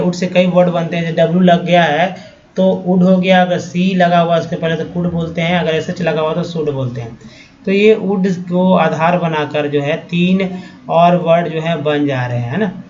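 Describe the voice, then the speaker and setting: A man's voice: on the high side, darkish tone, highs cut off. Man teaching spelling from slides. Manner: explains patiently, often asks "है ना". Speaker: English teacher. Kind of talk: slide-based language lesson.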